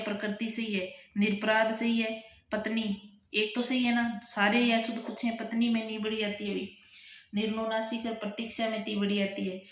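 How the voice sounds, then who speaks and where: Flat-voiced woman teaching Hindi grammar. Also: medium pitch, reverberant. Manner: explains quickly, reads options aloud and corrects them; addresses students directly, often says "bhai". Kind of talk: exam revision lesson.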